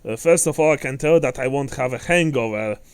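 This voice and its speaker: A man voicing a blunt, crude escort who smokes a cigar, speaking a little higher and louder than his usual voice. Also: fairly quick, clean tone, no echo, close to an everyday voice. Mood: satisfied.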